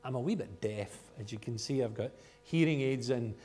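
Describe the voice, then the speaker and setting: A Scottish man giving an informal sermon as a guest speaker, loud, chatty and self-deprecating as he tells stories from his own life. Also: medium pitch, moderate pace. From Scotland. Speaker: guest speaker at a church gathering.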